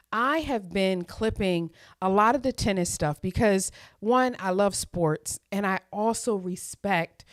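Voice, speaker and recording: Excitable woman hosting a live watchalong. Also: mid-range voice, no room sound, clean studio sound. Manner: excitable, talks straight to chat with "y'all" and "you guys". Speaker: host of a live watchalong stream. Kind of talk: casual live reaction chat. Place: home.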